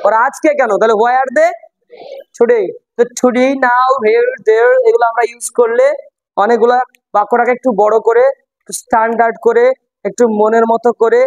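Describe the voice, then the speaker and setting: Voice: mid-range voice, no echo, poor audio. An English teacher runs a classroom lesson, repeating phrases and quizzing the students. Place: classroom with a board.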